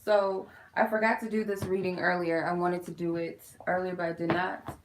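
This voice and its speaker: A woman's voice: fairly low pitch, flat delivery, moderate pace, reverberant, a little hiss or hum. A woman chatting informally to viewers as she gives a casual tarot reading on a live stream from home. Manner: informal, chatty, addressing viewers as "you guys". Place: quiet room at home.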